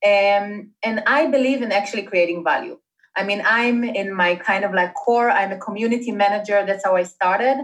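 Speaking with a mid-range voice at a moderate speed, the guest chats her way through a conversational interview and leans heavily on fillers. She is a woman from Israel who works as a manager of startup investment partnerships.

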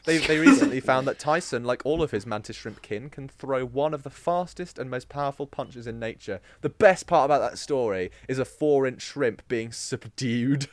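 A man's voice: mid-range voice, moderate pace, hardly any pauses. A man hosting a casual podcast, chatty and jokey, often laughing and restarting his sentences. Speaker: podcast host.

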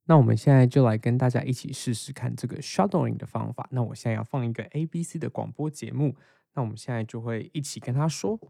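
A man's voice: mid-range voice, quick pace, creaky, dark tone. A young man with a Taiwanese Mandarin accent who hosts a podcast, casually and patiently explaining how he learns English. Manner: explains patiently, then reads English lines aloud as a shadowing drill. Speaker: podcast host.

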